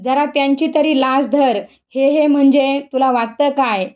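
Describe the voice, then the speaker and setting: A woman's voice: sits high, fairly even intonation, a little slow. A hot-tempered older village Brahmin rants and flings insults, as a woman reads him aloud. The storybook reading sounds dull and lo-fi. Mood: angry. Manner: ranting, insulting.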